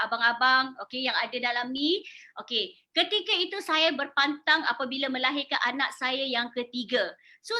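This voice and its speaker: A woman in her forties with a Malaysian accent, working as a product presenter and sales promoter, gives an informal live sales pitch. Her high-pitched voice is pushed and bright, and she repeats herself emphatically while frequently checking in with listeners through questions.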